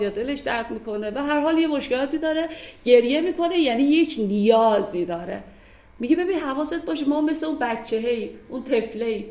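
Higher-voiced woman teaching in an echoey room. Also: darkish tone. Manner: conversational, recites verses then unpacks them with everyday examples. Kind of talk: explaining classical poetry verse by verse.

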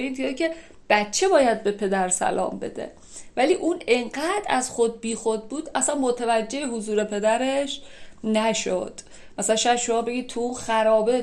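A woman teaches classical poetry. Her slightly high voice carries a gravelly, creaky edge. She reads each verse slowly, then explains it in lively, everyday speech. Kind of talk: conversational poetry lesson.

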